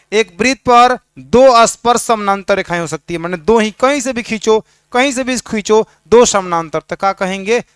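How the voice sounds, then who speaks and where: Teasing maths teacher, high clear voice. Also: male voice, fairly bright tone, no echo, studio quality. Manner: teasing, questions students constantly. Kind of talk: classroom lecture at a board.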